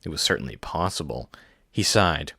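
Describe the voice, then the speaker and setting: A man narrating a science-fiction audiobook in a steady, measured way. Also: extremely low pitch, vocal fry, breathy edge, no room sound.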